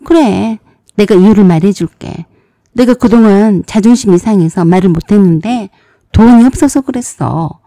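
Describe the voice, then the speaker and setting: A woman's voice: medium pitch, normal speed, dark tone, no echo, clean studio sound, close to an everyday voice. A woman voicing a proud, defensive younger sister in her forties in a storybook drama, with a sulky, insistent way of pleading. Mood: defiant.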